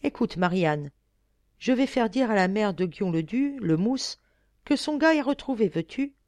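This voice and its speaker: A woman's voice: medium pitch, measured pace, dry recording, voice pushed up, lightly acted. A woman reading the part of an old father, exclaiming with joy and relief. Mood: overjoyed. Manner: excited, exclaiming.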